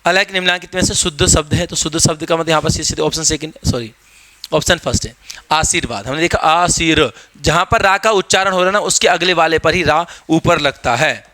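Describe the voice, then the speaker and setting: A man teaching an exam-prep grammar lesson, explaining answers step by step with lively emphasis. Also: a little high, fairly quick, no echo. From India.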